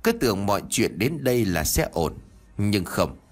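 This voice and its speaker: A man's voice: lowish voice, very animated, moderate pace, soft background music. A man reading a first-person ghost story in a dramatic, emotive way.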